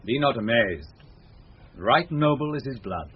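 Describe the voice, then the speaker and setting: Lovestruck duke-like noble, slow, breathy, stately, 1970s radio drama, dull old sound. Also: male voice, mid-range voice, lively intonation. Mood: tender, stately. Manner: stately, deliberate. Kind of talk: 1970s British radio Shakespeare acting. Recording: muffled old radio broadcast recording.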